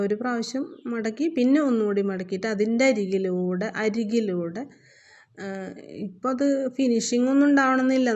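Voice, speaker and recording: A woman's voice: a little high, darkish tone. Woman, sewing teacher, patient and repetitive, muffled lo-fi sound. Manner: patient, repeats steps, checks in with learners. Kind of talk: step-by-step sewing tutorial.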